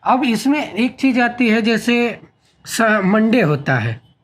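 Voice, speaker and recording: Indian guy teaching french to beginners, slow and halting, says each word twice. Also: very high-pitched, very animated. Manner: slow, halting delivery, spelling out and repeating words. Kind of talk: classroom language lesson.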